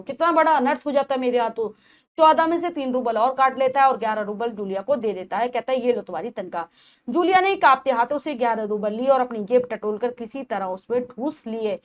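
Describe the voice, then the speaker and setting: A woman teacher who reads a story aloud in short passages and then retells each part in simple words for her students. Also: sits high. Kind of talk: explaining and reading a textbook story.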